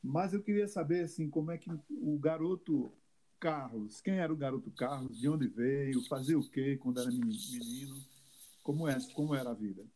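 A man's voice: mid-range voice, normal speed, mellow, poor audio. A man hosting a web radio interview show, asking friendly, encouraging questions. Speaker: show host.

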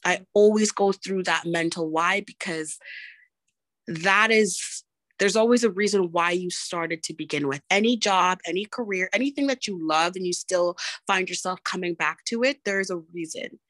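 A woman's voice: on the low side, moderate pace, fairly bright tone, no room sound. A woman entrepreneur and nurse answering interview questions earnestly, repeating her points and laughing often.

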